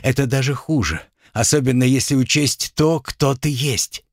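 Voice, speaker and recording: A man voicing an anxious, tender young witch who pleads in an urgent, hushed way. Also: mid-range voice, normal speed, dry recording, studio quality, voice pushed up, lightly acted.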